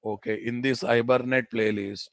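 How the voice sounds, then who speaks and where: A man's voice: medium pitch, fairly even intonation, moderate pace, gravelly, no echo. A man with a Telugu Indian accent giving an informal live technical lecture as a programming instructor, repeating phrases for emphasis and answering his own questions. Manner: informal, addresses students as boss.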